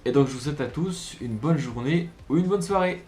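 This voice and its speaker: A man's voice: on the high side, expressive, a little fast, a little mellow. A man giving a casual phone review, hesitant with many fillers and restarts. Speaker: tech reviewer. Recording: roomy echo with faint music.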